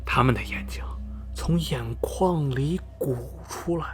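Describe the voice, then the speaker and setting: Over soft background music, a male actor lightly performs a radio-drama role: a gossipy, middle-aged small-town man who is skeptical but repelled, sighing and drawing out lines for effect. He speaks a little slowly at a fairly high pitch, telling the story animatedly in a disgusted, ominous mood.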